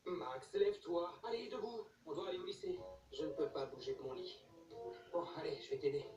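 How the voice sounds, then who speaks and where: A woman putting on a deep voice for a teenage boy coaxing his friend out of bed. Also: expressive, brisk, highs cut off. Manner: coaxing, polite. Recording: echoey, distant, loud music behind.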